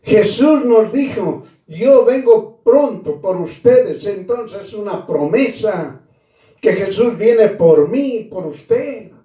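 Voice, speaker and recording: Slow, emphatic preacher, echoey and distant. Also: male voice, sits high, animated, dull audio. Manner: slow emphatic preaching, repeating key phrases; addresses listeners as brother. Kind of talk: sermon.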